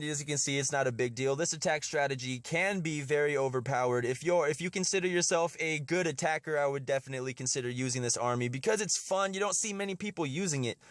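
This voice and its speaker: A man's voice: mid-range voice, no room sound. A man with a slightly stuffy nose from a cold, giving casual gameplay commentary as host of a strategy video and often repeating his words.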